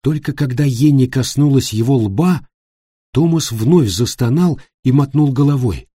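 Man reading a tense story, dark voice. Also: medium pitch, normal speed, breathy edge, no echo, studio quality. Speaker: audiobook narrator. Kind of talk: scripted narration.

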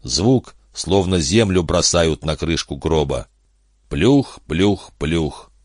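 A bitter, worn-out man sneers at himself in a sardonic inner voice, as a male narrator puts him on. The voice sits very low and is recorded dry and close, with no room sound. Self-mocking and weary, it fits a storybook reading. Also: expressive, slow, dry recording, exaggerated voice.

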